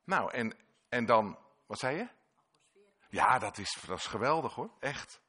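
A man's voice: mid-range voice, animated, a little slow, pushed and bright, breathy edge. A man preaching a sermon in Dutch-language church talk, earnest and repetitive, sometimes acting out short quoted voices.

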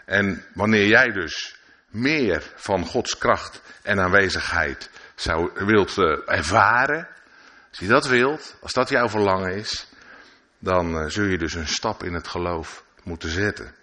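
A man's voice: deep voice, slow pace, bright, forceful tone. A man preaching a sermon at a church service, reading scripture and adding conversational asides and questions to his listeners.

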